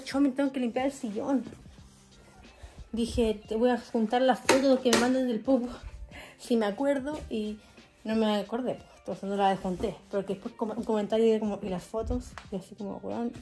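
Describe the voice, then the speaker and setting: A young woman with a Chilean accent chats casually in a vlog while cleaning at home, telling rambling, slang-filled stories. Her voice is a little high and mellow.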